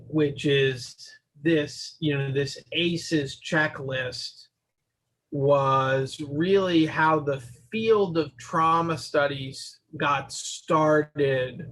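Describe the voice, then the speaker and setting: Slow, measured male psychotherapist. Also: a little high, fairly bright tone, rough recording. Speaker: psychotherapist guest. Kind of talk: measured interview answers.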